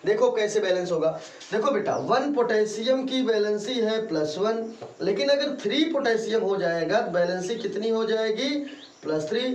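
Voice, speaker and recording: A high-pitched male chemistry teacher lectures in an echoey room. He calls his students "beta" and drills terms in call-and-answer. The camera picks him up from a distance over faint ambient noise. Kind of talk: classroom lecture.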